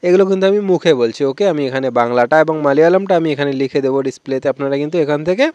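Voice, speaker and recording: Guy from bengal doing a youtube language lesson, kinda high voice, dry close sound, keeps saying okay friends. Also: racing, darkish tone, no room sound. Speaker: language teacher.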